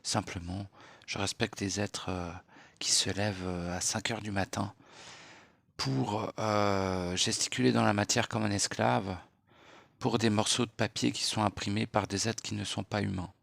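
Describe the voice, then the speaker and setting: A man giving a late-night spiritual monologue in a hushed, unhurried voice, lecturing and posing rhetorical questions. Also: fairly low pitch, fairly even intonation, creaky, dry recording, clean studio sound. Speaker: spiritual speaker.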